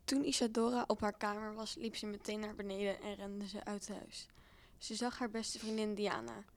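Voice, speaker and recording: A woman's voice: medium pitch, flat delivery, moderate pace. Young woman reading a story aloud.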